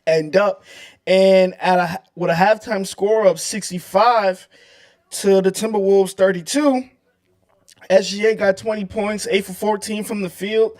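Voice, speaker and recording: A man hosting a casual sports podcast, talking loud and slangy with lots of laughing. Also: high voice, fairly even intonation, a little slow. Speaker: podcast host.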